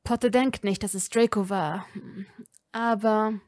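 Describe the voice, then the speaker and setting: A woman's voice: mid-range voice, fairly even intonation, unhurried, darkish tone, lightly acted. A woman voicing an embarrassed male officer who speaks hesitantly and apologetically. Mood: apologetic.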